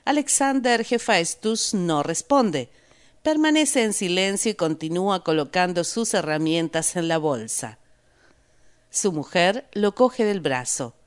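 Woman teacher reading words and a story, super slow and clear, lowish voice. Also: lively intonation. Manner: clear, deliberate word-by-word reading. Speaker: language teacher. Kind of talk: slow scripted narration for learners.

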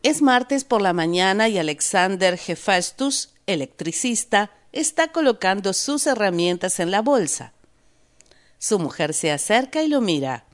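A woman teacher reading a word list and a story aloud in a clear, deliberate way for learners. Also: medium pitch, very animated. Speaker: language teacher. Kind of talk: slow scripted narration for learners.

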